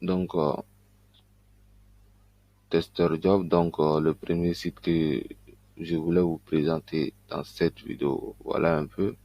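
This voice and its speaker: A man talks viewers through websites in a casual tutorial voice-over, stopping often to fill gaps and restart his sentences. His voice sits very low. The sound is dry, with no room echo. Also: little pitch movement, dull audio. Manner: loose and halting, with frequent verbal fillers. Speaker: online business YouTuber. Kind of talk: casual screen-recording tutorial.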